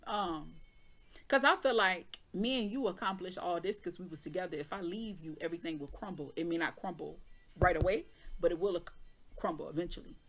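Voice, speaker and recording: A woman's voice: lowish voice, fairly quick, fairly bright tone. A woman doing a casual tarot reading who talks candidly, jokes, laughs often and swears now and then. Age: adult with children. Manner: candid, joking, with frequent laughs and mild swearing. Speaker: tarot reader.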